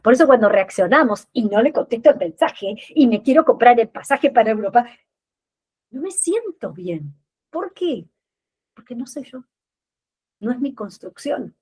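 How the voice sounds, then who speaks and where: A woman's voice: high voice, dark tone, husky. A woman therapist speaking as an interview guest, explaining with rhetorical questions and little acted-out scenes.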